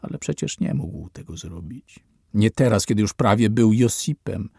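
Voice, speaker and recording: A man reading a story as audiobook narrator, in slow, measured scripted narration whose lines fall away quietly at the end. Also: fairly low pitch, lively intonation, creaky, breathy edge, dry recording, studio quality.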